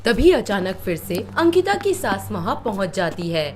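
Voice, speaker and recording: A woman narrating a cartoon moral story in an expressive storytelling way. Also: medium pitch, moderate pace, a little hiss or hum.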